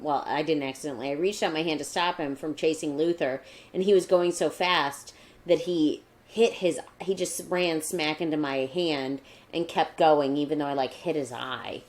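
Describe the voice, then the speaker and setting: A woman's voice: deep voice, steady tone, normal speed. A woman co-hosting a casual podcast, chatting in a rambling way with lots of "like", and sometimes slipping into a mock newscaster voice. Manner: chatty, rambling with many likes; mock newscaster voice in her cat segment. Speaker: podcast co-host. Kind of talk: casual chat.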